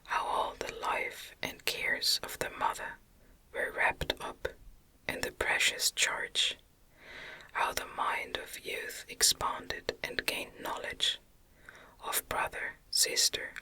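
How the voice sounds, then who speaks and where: Reading a gothic novel aloud for ASMR, a woman keeps to a whisper. Her delivery is deliberate and gentle, every word softly articulated.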